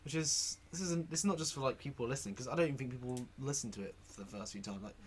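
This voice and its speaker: A man co-hosting a chat podcast from a home garage. He talks fast, states his opinions bluntly and swears without a second thought. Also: mid-range voice. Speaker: podcast co-host. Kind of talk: casual chat.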